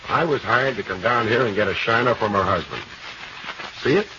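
An actor playing a wisecracking, unflappable private investigator with a dry, sardonic delivery in a 1940s radio detective drama. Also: male voice, lowish voice, a little fast, close to an everyday voice. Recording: muffled, noisy old radio recording.

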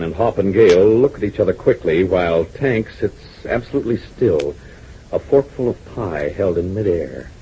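A man's voice: deep voice, mellow, a little hiss or hum. A man narrating and announcing an old radio serial, speaking earnestly to young listeners as gang, heard as an old radio broadcast. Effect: old radio broadcast sound. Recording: dull lo-fi 1940s radio recording.

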